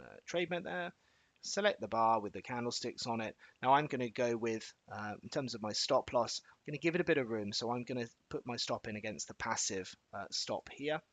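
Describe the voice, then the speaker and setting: A man hosting a live trading webinar, talking quickly and chattily as he walks viewers through charts step by step, stopping to check they are following and reaching for homely analogies. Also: medium pitch, fairly bright tone, no echo. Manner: folksy analogies and filler-laden restarts. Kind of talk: live educational chart walkthrough.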